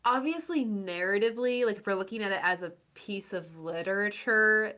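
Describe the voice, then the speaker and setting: Woman podcast co-host, analytical film talk, mid-pitched, warms up when excited. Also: normal speed. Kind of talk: casual movie discussion.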